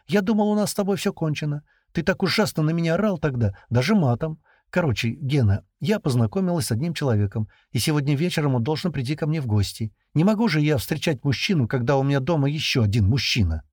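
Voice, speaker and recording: A man's voice: a little high, expressive, quick pace, hardly any pauses, a little mellow, dry recording, clean studio sound, pitched above the performer's own voice. A man reading aloud and voicing a naive, chatty young woman who pleads and takes offence easily. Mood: pleading.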